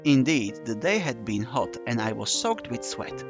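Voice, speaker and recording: A man's voice: mid-range voice, very animated, measured pace, muffled recording, over music. A man narrating a visual novel in the first person, in a dry, wry storytelling manner. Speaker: audiobook narrator.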